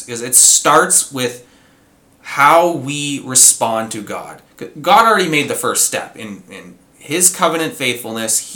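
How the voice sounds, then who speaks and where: A man hosting a solo podcast, speaking earnestly and slowing down to stress his points. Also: mid-range voice, pushed and bright, echoey room. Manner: earnest, slows down for emphasis. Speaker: podcast host.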